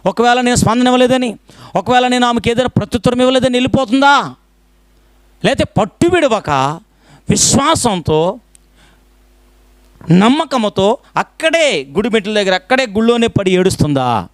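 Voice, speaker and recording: A man preaching a fervent sermon as a pastor, firing off rhetorical questions and swinging between loud pleading and hushed low lines. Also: lively intonation, moderate pace, long pauses, no echo.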